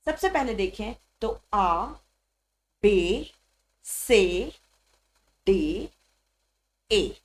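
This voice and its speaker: A woman teaching a beginner language lesson, spelling out letters one by one in a slow, patient way. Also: fairly high pitch.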